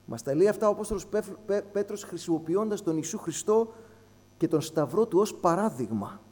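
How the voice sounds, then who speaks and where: A man preaching a sermon, switching between hushed low phrases and raised emphatic ones. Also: lively intonation. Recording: long hall reverb with mains hum.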